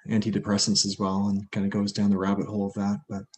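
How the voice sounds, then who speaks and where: Male panelist, lower register, conversational explainer who hedges his points. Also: monotone, quick pace, a little mellow. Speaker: podcast panelist. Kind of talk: casual explanatory discussion.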